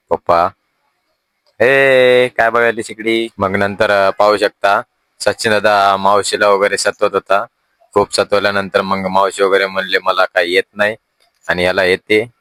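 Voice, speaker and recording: A man's voice: low voice, flat delivery, moderate pace, sharp tone, no echo. A man vlogging a family trip, talking casually and addressing his viewers directly. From Telangana-Maharashtra border region, India. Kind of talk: casual vlog narration.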